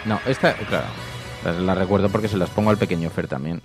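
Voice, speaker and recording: Animated man, radio host. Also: low voice, fast, over music. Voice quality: animated storyteller, acts out quotes. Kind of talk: casual chat.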